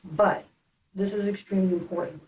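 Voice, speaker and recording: A woman police detective, heard on old interrogation room tape, questioning a suspect calmly and checking in with "okay?" as she probes. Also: mid-range voice, brisk. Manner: gently probing, repeats "okay?" to check in. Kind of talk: calm, reassuring interrogation questioning. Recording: distant interrogation room camera audio with faint hiss.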